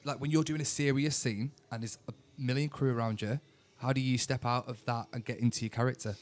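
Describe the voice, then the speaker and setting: A man's voice: mid-range voice, fairly even intonation, a little fast, a little mellow. A man hosting a podcast, asking eager, rambling questions in casual chat. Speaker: podcast host.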